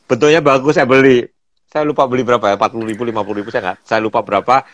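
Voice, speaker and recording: An older man from Indonesia chatting casually, telling lively stories and often laughing. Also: medium pitch, rapid-fire. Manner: animated storyteller, laughs often, acts out quoted voices. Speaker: photographer and guest. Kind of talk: casual storytelling chat.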